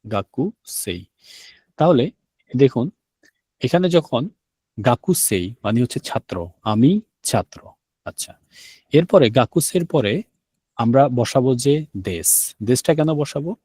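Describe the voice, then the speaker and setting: A man's voice: mid-range voice, animated, measured pace, pauses often, warm tone, husky, no echo. A man teaching an online language class, explaining step by step and asking his students questions. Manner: explains step by step, asks the students questions and repeats key words.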